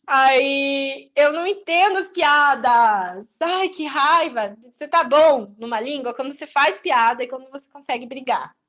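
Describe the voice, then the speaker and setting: A young woman with a Brazilian accent chats casually as a podcast host, her voice sitting noticeably high. She talks in a lively, anecdotal way and briefly acts out the people she is describing. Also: unhurried, hardly any pauses. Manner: chatty and lively, acting out quoted people in passing. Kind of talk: casual chat.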